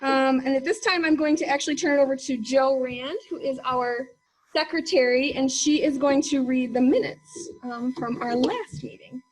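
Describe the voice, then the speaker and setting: A woman's voice: sits high, moderate pace, slight background noise, poor audio. A woman presenting informally at a meeting as its chief executive, hesitating often with ums. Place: meeting room.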